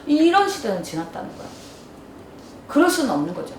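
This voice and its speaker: A woman lecturer talks quickly and keeps throwing questions at her listeners. Her voice sits a little high. She sounds far from the mic in a roomy hall. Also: very animated, slight background noise. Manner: storytelling, asks the audience questions. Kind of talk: lively lecture with acted dialogue.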